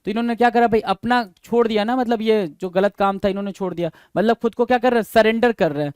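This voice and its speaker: High-voiced man teaching vocabulary. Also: fast, darkish tone, smooth, no room sound. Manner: addresses listeners as "bhai". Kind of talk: exam-prep vocabulary lesson.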